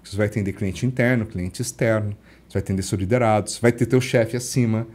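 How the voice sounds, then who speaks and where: A man from Brazil, a leadership coach, explaining things quickly and acting out little dialogues as a guest. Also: lowish voice. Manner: quick, lively explainer who acts out dialogue. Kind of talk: casual interview chat.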